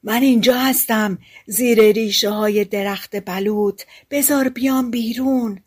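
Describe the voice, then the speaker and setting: A woman's voice: on the high side, steady tone, breathy edge. A woman voicing a vengeful bottle spirit. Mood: muffled calling. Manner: loud and menacing, turns pleading. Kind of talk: audiobook reading.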